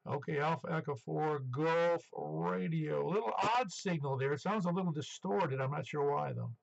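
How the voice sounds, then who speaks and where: Older man in his seventies over creaky radio. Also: on the high side, normal speed. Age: 70s. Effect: two-way radio transmission. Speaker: amateur radio net controller. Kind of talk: casual radio net check-in talk. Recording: dull band-limited ham radio audio.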